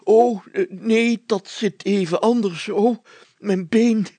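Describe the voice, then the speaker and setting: A man's voice: high-pitched, slow pace, dark tone, husky, dry recording, pitched above the performer's own voice, full character voice. A man playing a wailing injured mayor. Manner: whimpering, stammering, wailing. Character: moaning injured pompous male mayor.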